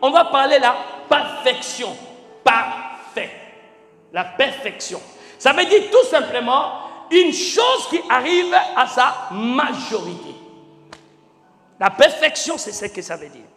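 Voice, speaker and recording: A man preaching a sermon as pastor, emphatic and swinging between shouted lines and near-quiet ones, asking the congregation questions and spelling out words. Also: very high-pitched, big pitch swings, slow. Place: large church hall. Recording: echoey church hall with faint music.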